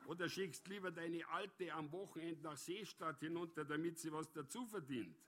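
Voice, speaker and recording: A man's voice: fairly high pitch, moderate pace, fairly bright tone, pitched above the performer's own voice. A man voicing a boastful, aggressive middle-aged village man who rants bitterly in a raised voice. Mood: gloating.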